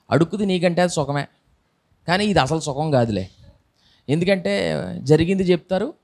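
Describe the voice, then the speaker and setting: Pastor, man, fairly high voice, animated preacher acting out voices, mic. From India. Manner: lively preaching with acted-out voices and rhetorical questions. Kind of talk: sermon. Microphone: microphone.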